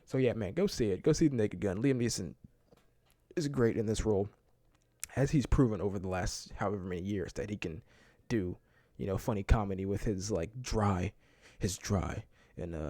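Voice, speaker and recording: Excited rambling man reviewing a movie. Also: fairly low pitch, normal speed, dry recording. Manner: enthusiastic, loose and rambling, laughs often; filler-heavy, keeps saying "like" and "man". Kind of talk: casual movie review vlog.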